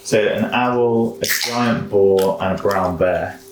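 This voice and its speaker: A man with a lowish voice acts as game master, telling the scene in a casual, halting way. The room is echoey, with clear noise behind him. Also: fairly even intonation. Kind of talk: narrating a tabletop game among friends. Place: indoor room, in-person group session.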